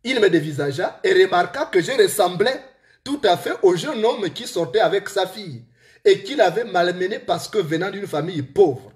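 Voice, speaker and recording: A man with a Gabonese accent, an author telling a story to listeners and reading aloud from his own book in a lively way. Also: high-pitched, normal speed.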